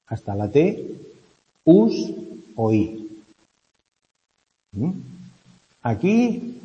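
A man teaches a class in a slow, unhurried way, pausing to check that his students follow. His voice is very dark and mellow. The sound is dull and lo-fi, with a long reverb from the lecture hall. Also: medium pitch. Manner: explanatory, checks in with frequent questioning hums. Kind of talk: classroom lecture on Latin abbreviations.

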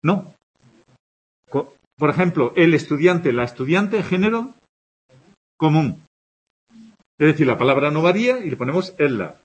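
A man's voice: fairly high pitch, very animated, a little slow, pauses often, husky. A man from Spain teaching a grammar lesson to a class, giving examples one after another and checking in with his students as he goes. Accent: Spanish from Spain. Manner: explains with examples, checks in with "¿de acuerdo?". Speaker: Spanish teacher.

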